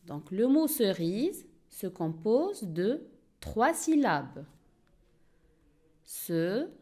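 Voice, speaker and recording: Slow, animated woman teaching reading. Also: mid-range voice, slight background noise. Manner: slow, clear, repeats words for pupils to echo. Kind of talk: early-reading lesson for young learners.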